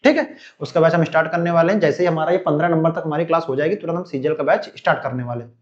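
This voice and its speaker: A man's voice: on the high side, racing, dull audio. A male teacher giving an online exam-prep lesson, talking straight to his students, filling gaps with "theek hai" and calling them "beta", still getting over a cold. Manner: talks directly to students, calls them "beta", lots of "theek hai" fillers. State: recovering from a cold, still coughing.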